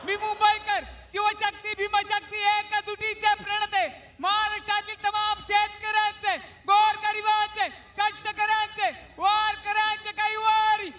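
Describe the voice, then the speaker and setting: A man with a Marathi accent announcing at a rally, declaiming long strings of honorific titles in a drawn-out way. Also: extremely high pitch, monotone, pushed and bright. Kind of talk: ceremonial announcing.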